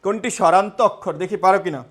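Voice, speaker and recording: High-voiced man teaching grammar. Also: fairly even intonation, very fast. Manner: drills terms by repeating and quizzing students. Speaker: online Bangla grammar teacher. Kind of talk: live online class lecture.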